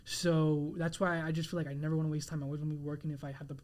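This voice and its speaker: A man's voice: on the high side, little pitch movement, very fast, darkish tone. A young man in his twenties, a realtor guest on a podcast, talking earnestly with many restarts. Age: 20s. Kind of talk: casual interview chat.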